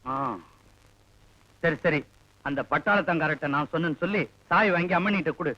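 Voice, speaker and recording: An actor playing a shrewd middle-aged village herbal healer, teasing and commanding. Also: male voice, a little high, moderate pace, natural voice. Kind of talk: film acting. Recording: dull lo-fi film audio.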